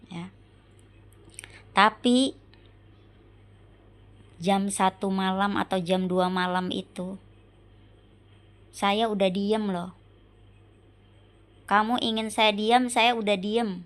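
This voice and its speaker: A woman speaks slowly in a mid-pitched voice, addressing her husband in an emotional monologue. She circles back to the same points again and again, pressing him with pleading rhetorical questions. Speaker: wife venting on camera.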